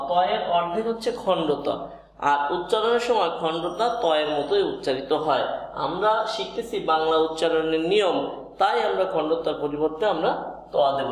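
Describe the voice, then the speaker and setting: High-voiced guy teaching pronunciation step by step, super echoey room. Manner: methodical, explains step by step with repeated examples. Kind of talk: pronunciation lesson.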